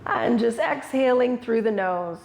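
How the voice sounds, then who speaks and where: A woman's voice: a little high, animated, unhurried, gravelly, noisy background. A woman yoga instructor leading a guided breathing tutorial, giving short step-by-step cues.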